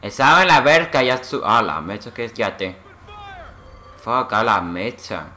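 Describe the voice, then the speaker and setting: A man giving excitable gameplay commentary, swearing and making gun noises. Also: fairly low pitch, unhurried, a little hiss or hum. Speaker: gamer playing a shooter.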